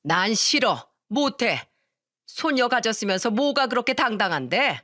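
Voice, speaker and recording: A woman's voice: on the high side, very animated, a little slow, pushed and bright, full character voice. A woman voicing a spiteful older mother-in-law who snaps and sneers in a radio-style story. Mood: scornful. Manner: cutting, scornful, sometimes fawning. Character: sharp-tongued older mother-in-law, favors sons.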